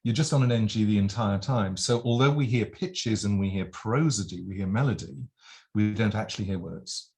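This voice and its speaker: A man's voice: on the low side, normal speed, a little mellow. A man teaching as a vocal coach, explaining and demonstrating nasal and oral sounds in a lesson.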